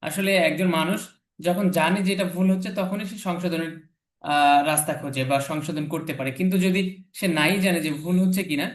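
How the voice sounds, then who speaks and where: A man's voice: a little high, brisk. A man teaching English letter pronunciation in an online class, patiently repeating each sound. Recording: echoey room.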